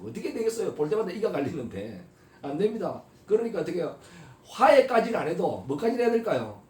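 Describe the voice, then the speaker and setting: A high-pitched male pastor with a very lively voice that leaps up and down as he preaches. He keeps throwing rhetorical questions at the congregation, drops to soft asides and then rises to loud, emphatic calls. He is heard from some distance in an echoey church sanctuary. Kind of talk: sermon. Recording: echoey hall, voice from far off.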